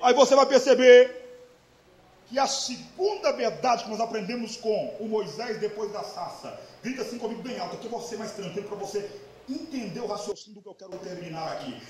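Brief: fiery pastor, very high voice, shouting sermon in a ringing church hall. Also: male voice, animated, brisk, a little hiss or hum. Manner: impassioned, shouting, calls the congregation to repeat. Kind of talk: Pentecostal youth-conference sermon. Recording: echoey church hall, live mic.

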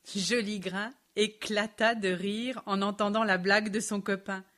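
Slow, measured woman reading a children's story. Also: medium pitch, fairly even intonation, fairly bright tone. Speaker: narrator.

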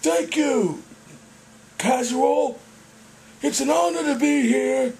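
Man voicing a bickering sock puppet, very high voice, hidden in the booth, roomy and distant. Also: takes it slowly, creaky, darkish tone, heavily acted. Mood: snarky. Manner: snarky, bickering, mock-preachy. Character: cheeky male sock puppet sidekick. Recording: roomy, distant voice with faint noise.

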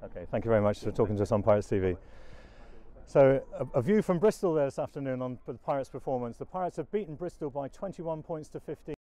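Older man, club TV host; quick, darkish voice, chatty pitchside questions outdoors. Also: animated, warm tone. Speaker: club TV sports presenter. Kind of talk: post-match interviewer. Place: outdoors at a floodlit rugby ground at night.

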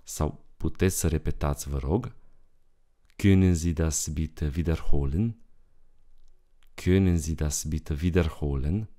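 Very deep, slow-spoken male language teacher. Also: dark tone. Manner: slow, repeats each phrase twice. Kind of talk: bilingual language lesson.

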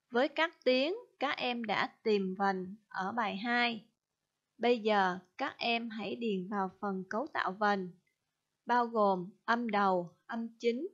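A Vietnamese woman, a primary school teacher, explaining a spelling lesson slowly and carefully, syllable by syllable. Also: mid-range voice, dull audio. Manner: slow, careful dictation-style explanation. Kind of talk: recorded online spelling lesson.

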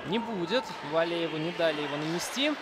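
Male live hockey commentator, high-pitched, unscripted with searching pauses, very loud rink noise behind. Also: expressive. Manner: unscripted running commentary with hesitant pauses mid-sentence. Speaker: ice hockey play-by-play commentator. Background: noisy indoor ice rink.

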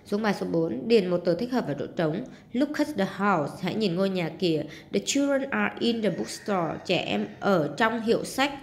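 A woman's voice: medium pitch, animated, normal speed, creaky, hardly any pauses, slight background noise. A woman with a Southern Vietnamese accent, walking through homework as a teacher and translating English words step by step. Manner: explains step by step, translating English words and adding sentence-end particles. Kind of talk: homework walkthrough lesson.

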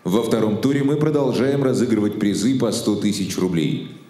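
A man's voice: lowish voice, normal speed, noisy background. A man reading scripted announcements as the announcer of a lottery show. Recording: echoey voice over music. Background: music.

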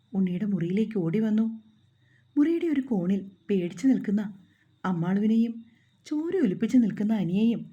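Brief: woman storyteller, dark husky voice, dull muffled recording. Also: medium pitch. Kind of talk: scripted story narration.

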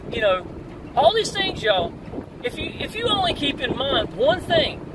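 A middle-aged man delivers an energetic, preachy motivational talk to an online marketing audience while driving an open-top convertible, often repeating "y'all." His voice is very high. He films on a phone camera held at arm's length, so wind and road noise come through with the mic at a distance.

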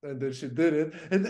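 This man's voice is a little high as he co-hosts a casual video chat from a room at home decorated with plants. He's animated, talking in rapid spurts with fillers and frequent laughs.

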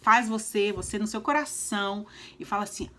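A middle-aged Brazilian woman vlogging in a chatty, emphatic way, swinging between loud and soft. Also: medium pitch, normal speed. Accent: Brazilian Portuguese. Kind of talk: casual motivational vlog talk.

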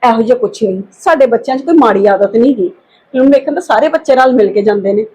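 High-voiced woman, calm and pleading. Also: fast talker, slight background noise. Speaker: aunt in a family skit. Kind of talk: acted family drama dialogue.

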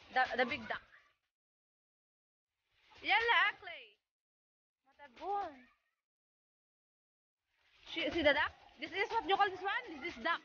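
A young woman filming on her phone at an outdoor animal farm, gently coaxing a small child to feed the animals and mixing in words from other languages. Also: high voice, highs cut off. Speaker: vlogger and parent. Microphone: handheld phone filming.

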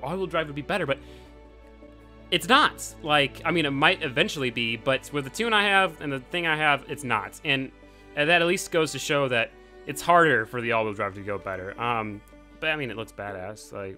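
Fairly quick and expressive, the young man's mid-range voice sounds pushed and bright as he comments casually on a racing game for his channel. Frustration keeps spilling out in outbursts and swearing. Beneath him are game audio, music, and the sound of car engines.

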